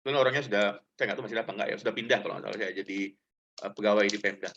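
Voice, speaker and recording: A man's voice: fairly low pitch, racing, fairly bright tone, dull audio, a little hiss or hum. A middle-aged man giving a casual talk to students, telling personal stories in a chatty, loose way with many fillers. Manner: chatty, loose, full of fillers, addresses listeners directly. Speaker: guest speaker.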